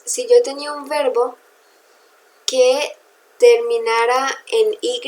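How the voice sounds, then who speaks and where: A woman's voice: high-pitched, a little hiss or hum, rough recording. A woman teaching English grammar in a recorded lesson, patiently spelling out letters and checking in with her students.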